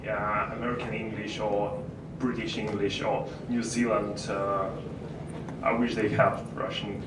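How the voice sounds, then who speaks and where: A distant, echoey recording of a male audience member putting a question from the floor. His pitch is middling and he phrases things hesitantly, with clear noise around him. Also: level tone, measured pace. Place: audience at an event venue. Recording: echoey, noisy hall from far off.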